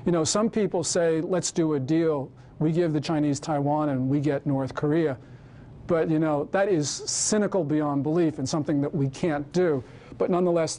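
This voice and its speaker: Male lecturer, emphatic and heated, mellow tone, light background hiss. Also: fairly high pitch, steady tone, moderate pace. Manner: impassioned, emphatic. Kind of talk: public lecture with audience Q&A.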